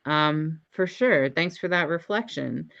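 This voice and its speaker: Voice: mid-range voice, expressive, slow, creaky, fairly bright tone. Reflective interview host, dull lo-fi sound. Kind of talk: casual interview conversation.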